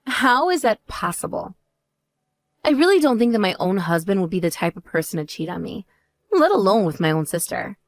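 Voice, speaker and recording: Story read: a woman playing a composed older sister, cool and measured, lively lower tone, dry close sound. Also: no echo. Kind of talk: voiced text story dialogue.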